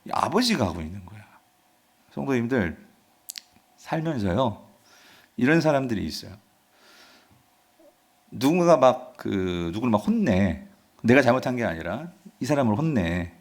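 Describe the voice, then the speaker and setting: A male pastor preaching a sermon, asking his congregation questions and answering them himself, reading scripture loudly and dropping to soft asides. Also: mid-range voice, sing-song, normal speed, pauses often. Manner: swings between loud emphatic scripture reading and soft asides. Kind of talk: Friday revival-service sermon.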